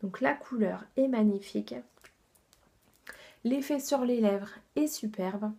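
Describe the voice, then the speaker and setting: Husky-voiced woman, soft and unhurried. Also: a little high. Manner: chatty, enthusiastic, many fillers, softly half-whispered asides. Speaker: beauty vlogger. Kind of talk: casual makeup haul review.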